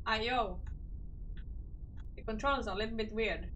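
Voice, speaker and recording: High-voiced scared horror game streamer woman. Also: normal speed, fairly bright tone, far from the mic, a little hiss or hum. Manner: scared, jittery bravado with swearing. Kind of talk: horror game livestream commentary. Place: indoor room at a streaming desk.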